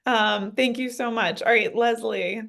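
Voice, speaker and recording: A woman's voice: fairly high pitch, fairly even intonation, a little slow, creaky, fairly bright tone. A woman on staff hosting a webinar on a video call, moderating and introducing guests in an upbeat, friendly way. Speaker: fellowship staff host.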